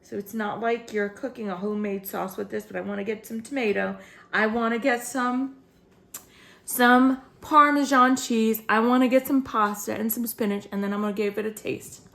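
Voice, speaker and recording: A woman's voice: fairly high pitch, steady tone, moderate pace, gravelly, a bit bright, reverberant. Upbeat woman hosting a cooking video. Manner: chatty, upbeat, keeps addressing viewers as "guys". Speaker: cooking channel host. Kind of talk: casual cooking demonstration.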